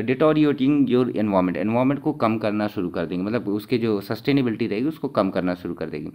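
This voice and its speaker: A man's voice: mid-range voice, a little mellow. A man, teaching exam material and answering his own questions, repeating each key term as he goes.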